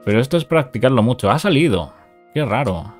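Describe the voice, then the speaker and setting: A man's voice: medium pitch, sing-song, fairly quick, darkish tone, soft background music. Man narrating a game glitch. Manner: talks through steps, repeats short commands. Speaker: gaming youtuber. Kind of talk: casual game tutorial commentary.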